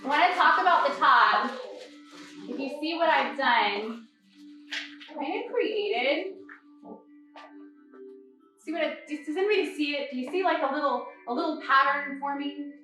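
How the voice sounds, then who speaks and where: A woman's voice: sits high, expressive, a little slow, pauses often, bright, forceful tone, heavy reverb, far from the mic, soft background music, poor audio. A woman hosting a live decorating tutorial, chatty and bubbly, laughing often as she works. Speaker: holiday decorator and host. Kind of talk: live-stream tutorial chat. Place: decorating studio.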